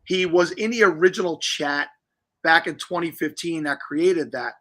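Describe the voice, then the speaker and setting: A middle-aged man talks loosely and at length as a livestream host, wandering through his points with jokey asides. His voice sits a little high and comes across bright and forceful. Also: moderate pace. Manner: chatty, rambling, jokey. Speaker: podcast host. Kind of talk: casual livestream chat.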